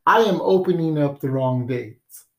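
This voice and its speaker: A man's voice: a little high, animated, a little slow, a little mellow. Rambling, joking man in casual podcast chat. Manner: rambling, joking, trails off mid-sentence. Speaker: podcast co-host.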